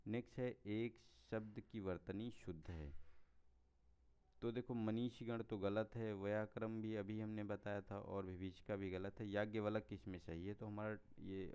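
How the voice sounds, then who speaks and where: A man with a fairly low, gravelly, somewhat mellow voice that is clear and resonant walks through exam answers one at a time, explaining each step. He keeps saying "theek hai" and "next hai" to move along; the sound is slightly dull and lo-fi.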